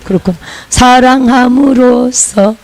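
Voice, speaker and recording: A woman's voice: a little high, unhurried, darkish tone, poor audio. A woman pastor from Busan, preaching a sermon in a chatty way with laughing asides and call-and-repeat lines.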